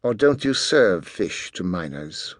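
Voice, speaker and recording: A man's voice: low-pitched, very animated, slow, no echo, clean studio sound, pitched below the performer's own voice, exaggerated voice. A man doing a haughty teenage genius. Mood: condescending. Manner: cold and condescending.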